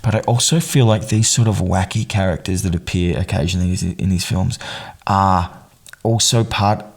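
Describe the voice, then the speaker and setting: Casting note: male podcast host, lowish voice, loose rambling film chat full of ums and restarts. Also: gravelly. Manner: rambling, many fillers and restarts, quick bursts of amused emphasis. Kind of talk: casual film commentary.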